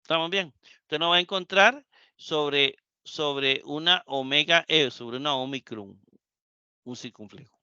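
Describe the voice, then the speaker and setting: A man's voice: fairly high pitch, unhurried, pushed and bright, smooth, dry recording, muffled recording. A man teaching Greek in a live class lecture. He repeats the key points and keeps asking the students questions.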